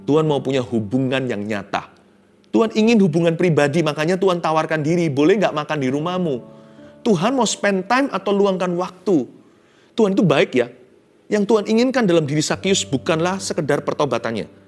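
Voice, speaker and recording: A man preaching a sermon in an animated way, slipping English phrases into his talk. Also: a little high, a little fast, faint music behind. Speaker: pastor.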